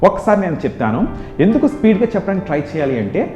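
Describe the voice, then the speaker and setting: Animated teacher with a Telugu accent. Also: male voice, high-pitched. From India. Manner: drills phrases in rapid rhythmic lists. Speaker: spoken English teacher. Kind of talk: classroom English lesson. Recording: echoey room, dull sound, music behind.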